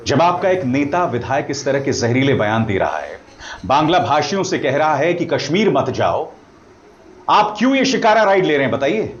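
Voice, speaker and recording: Male commentator, sharp rhetorical questioner, lively high delivery, echoey and a bit muffled. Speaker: news commentator. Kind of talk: opinion news commentary.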